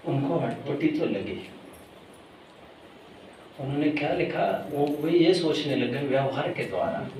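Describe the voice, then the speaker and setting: A man giving a scripture discourse to an audience, explaining slowly, asking for doubts and mixing in English words. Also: mid-range voice, darkish tone, a little hiss or hum. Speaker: preacher. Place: large hall at a pilgrimage site. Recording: echoey hall, voice from far off.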